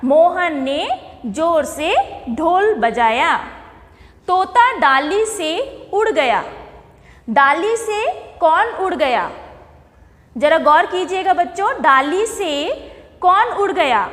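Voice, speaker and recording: Woman teacher, very high voice, slow and deliberate, asks and repeats, reverberant room. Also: lively intonation, fairly bright tone. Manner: asks the class questions and repeats the answers; stretches out words to model pronunciation. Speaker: primary school Hindi teacher. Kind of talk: slow, deliberate classroom lesson.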